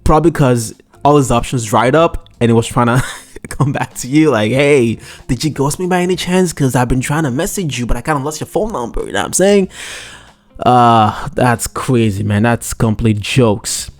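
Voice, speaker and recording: A young man hosting a casual chat, reacting to rejection stories in an animated, exclaiming, slangy way. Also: medium pitch, normal speed.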